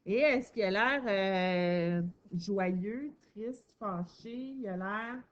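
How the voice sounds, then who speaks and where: A woman with a mid-range voice speaks very slowly on a recording with the highs cut off. She's giving a young child a reading lesson, patient and encouraging, stressing every sound and syllable.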